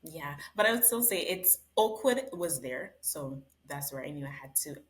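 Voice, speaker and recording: A woman from Barbados, a guest in an interview, speaking in a thoughtful, measured way with pauses as she reflects. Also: low-pitched, lively intonation. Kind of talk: reflective conversation.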